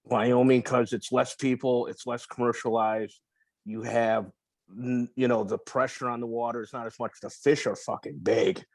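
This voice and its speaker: A man talking casually as a podcast guest, mid-pitched and easygoing. He rambles through his stories with plenty of profanity and false starts. The sound is close and dry, with no room around it. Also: moderate pace, no room sound. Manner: relaxed, profane, rambling with restarts. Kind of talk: casual interview storytelling.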